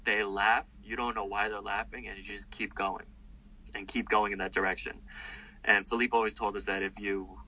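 A man with a lowish voice, speaking at a moderate pace, appears as a comedian guest in a casual interview captured on a low-quality recording. His delivery is animated and wandering, with frequent fillers and restarts.

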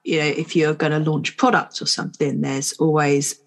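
A woman with a low, deep-set voice co-hosts a podcast. She thinks aloud in an easygoing chat and keeps turning her thoughts into questions. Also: level tone, normal speed. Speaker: podcast co-host. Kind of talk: reflective casual chat.

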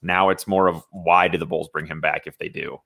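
Young Indiana man, deep low voice, casual sports-podcast co-host, rambling fillers, dry close mic. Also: steady tone, fairly quick, vocal fry, sharp tone, dry recording. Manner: conversational, many fillers and restarts.

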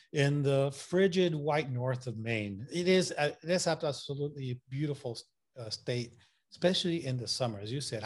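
A man from Puerto Rico, a photographer appearing as an interview guest, speaks in a mid-range voice with a darkish tone and an accent blending Puerto Rican and Massachusetts sounds. The talk is casual, and he comes across enthusiastic and loose, stacking up fillers and restarting sentences.

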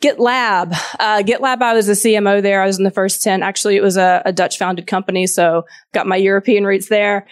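A woman's voice: mid-range voice, fairly even intonation, fairly quick, few pauses, no echo, clean studio sound. A woman from Georgia with a Southern US accent gives an informal talk as a venture capital partner, chatty and conversational. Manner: chatty, informal, asks audience questions.

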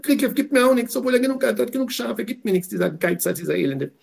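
A man's voice: extremely high pitch, expressive, fast, gravelly, pitched above the performer's own voice, heavily acted. A man putting on the voice of a poor widow crying out to God against stingy neighbours. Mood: pleading. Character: poor pleading widow, older woman, bitter.

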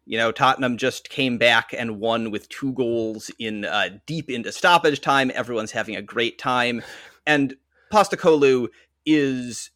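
A soccer commentator from Western Massachusetts, United States, with an American accent, talks sports casually as a podcast guest. His mid-range voice is a little slow, pushed and bright, captured in clean studio sound with no room echo.

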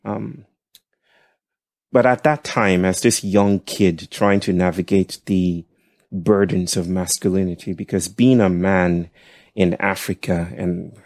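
A man from Nigeria with a nasal voice, speaking as a podcast guest in a thoughtful, halting way. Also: deep voice, steady tone, dry recording, studio quality. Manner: thoughtful, halting, with soft laughs. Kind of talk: reflective conversational storytelling.

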